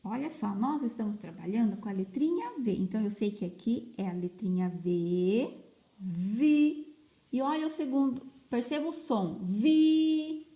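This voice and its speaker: Captured on a phone, a teacher with a medium-pitched, dark voice and lively intonation gives kids an early literacy lesson. She draws out words slowly and says each syllable again with emphasis.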